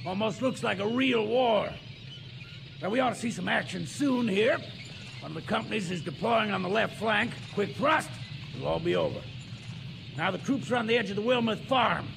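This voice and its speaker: An actor playing an emphatic army signal captain giving a field report in a 1930s radio drama. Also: male voice, high voice, vocal fry, a bit bright, full character voice. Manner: military, emphatic. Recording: noisy old radio field transmission.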